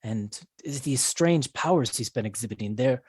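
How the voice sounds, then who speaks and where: A man's voice: mid-range voice, expressive, a little mellow, husky, dry recording. Man voicing a hesitant, worried dwarf mother, dry close sound. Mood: troubled. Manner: hesitant, halting, earnest. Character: worried dwarf mother, a weary town leader.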